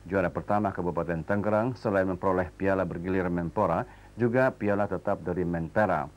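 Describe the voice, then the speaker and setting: Very deep-voiced Indonesian male news anchor. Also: brisk, muffled recording. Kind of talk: formal scripted news reading. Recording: noisy old TV broadcast recording.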